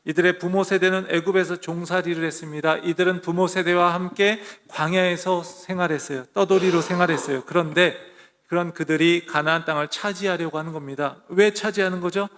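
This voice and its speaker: A man's voice: high-pitched, a bit bright, big-room sound. A man preaching a sermon as pastor of a church, asking the congregation questions and then answering them. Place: church sanctuary.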